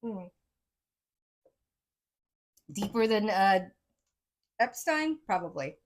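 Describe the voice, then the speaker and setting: A woman's voice: mid-range voice, lively intonation, drawn-out words, slight background noise. Woman, psychic reader, casual monologue, rambling, filler-heavy, blended accents. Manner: mixes accents she picked up.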